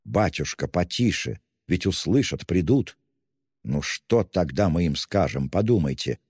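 A man's voice: low-pitched, lively intonation, measured pace, darkish tone, slightly rough, no room sound, studio quality, long reverb tail, full character voice. A man putting on a sly fawning investigator. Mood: fussing. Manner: wheedling, ingratiating, mocking, with fussy endearments. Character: sly, fawning middle-aged male police investigator.

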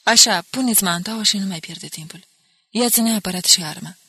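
A woman's voice: on the low side, sharp tone, slightly rough, exaggerated voice. A woman voicing a resolute young male soldier who takes command and gives firm orders.

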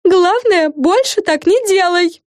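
A woman's voice: extremely high pitch, animated, moderate pace, a little mellow, no echo, pitched above the performer's own voice. A woman voicing a vain, bossy young fairy girl in a storybook reading, talking in a self-important way.

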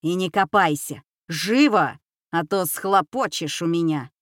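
Lady reading as a mean old gang boss lady, yelling orders, dry close sound. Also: lowish voice, animated, measured pace, no echo. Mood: furious. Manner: barking orders, shouting. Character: harsh old woman gang leader, bossy and cruel. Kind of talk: audiobook character voice.

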